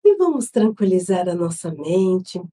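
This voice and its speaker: A Brazilian woman hosting an online Spiritist gospel study, leading an opening prayer and reading a devotional text in a solemn, measured way. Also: lowish voice, very animated, warm tone. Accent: Brazilian Portuguese. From Brazil, São Paulo state.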